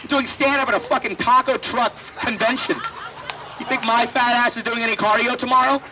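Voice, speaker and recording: A man's voice: very high-pitched, steady tone, fairly quick, background noise. A man doing profane stand-up crowd work on an outdoor festival stage. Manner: profane, conversational crowd banter. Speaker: stand-up comedian.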